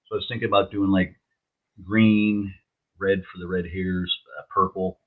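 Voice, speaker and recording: Low-pitched laid-back stoner guy, muffled recording. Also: little pitch movement, normal speed. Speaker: logo artist and co-host. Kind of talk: casual chat. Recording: dull, lo-fi, muffled sound.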